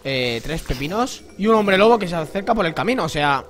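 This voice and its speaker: A young man from Spain with a Spanish accent, giving excitable, jumpy let's play commentary while talking to himself and his viewers. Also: high voice, a little fast. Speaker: gamer.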